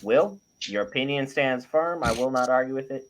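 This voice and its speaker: This animated, medium-pitched co-host talks at a normal pace during a relaxed panel debate on animated series. He builds his emphatic opinions point by point in list form.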